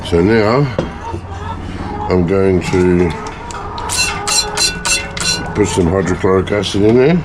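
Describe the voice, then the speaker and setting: A hobbyist gold refiner and video maker casually talks viewers through his home refining process, chatty and rambling with self-mocking asides. A bad cough has left his low voice hoarse and failing, and he speaks slowly with long pauses over heavy background noise.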